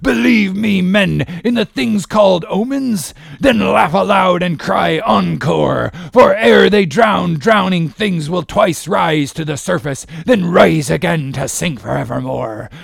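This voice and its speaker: A man voicing an obsessed old one-legged whaling captain in a gravelly, raspy voice, declaiming grandly in archaic seafaring speech for an audiobook. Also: high voice, expressive, unhurried, hardly any pauses, voice pushed up, heavily acted. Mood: defiant, imperious. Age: older. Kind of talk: dramatic audiobook character reading.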